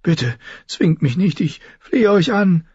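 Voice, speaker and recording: A man voicing a frightened, timid young noble girl who speaks hesitantly and pleads softly. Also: on the high side, expressive, measured pace, husky, no echo, lo-fi sound, voice pushed up. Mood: timid, pleading.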